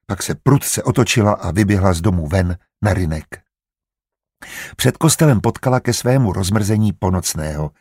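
Husky low-voiced male audiobook narrator. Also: lively intonation, a little mellow, dry recording, studio quality. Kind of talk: scripted narration.

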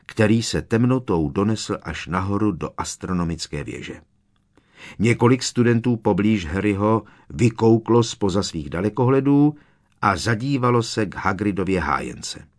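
A man reading a novel aloud as an audiobook narrator, measured and expressive. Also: lowish voice.

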